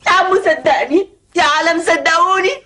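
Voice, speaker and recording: A shrill wailing scheming wife. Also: female voice, fairly quick, sharp tone. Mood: wailing hysterical. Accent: Egyptian Arabic.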